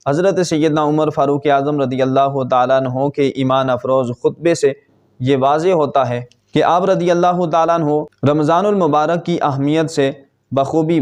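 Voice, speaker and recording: A man delivers an Islamic sermon in an earnest, measured tone. His voice sits somewhat high for a man. He slows into a melodious chant when reciting verses. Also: darkish tone. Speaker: preacher.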